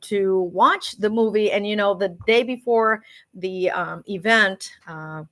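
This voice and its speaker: A woman's voice: mid-range voice, unhurried. Bilingual woman hosting community radio. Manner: warm-up chatter, switches between English and Spanish. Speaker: radio host.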